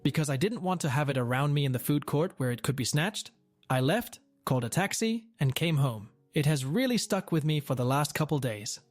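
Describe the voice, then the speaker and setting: A man's voice: fairly high pitch, expressive, fairly quick, no room sound, faint music behind. A man reading a first-person story aloud in an earnest, plain way. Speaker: story narrator.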